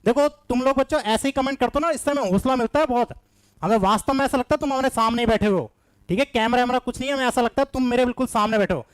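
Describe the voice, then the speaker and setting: High-voiced coaxing male teacher. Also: racing, clean tone, dry recording. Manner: coaxing, repetitive, reads out students' answers by name. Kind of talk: live online maths reasoning class.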